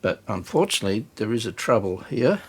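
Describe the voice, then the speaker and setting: A hobbyist video host with a lowish, breathy-edged voice gives a casual, unscripted hands-on demonstration. He's very animated yet hesitant and halting, thinking out loud as he goes.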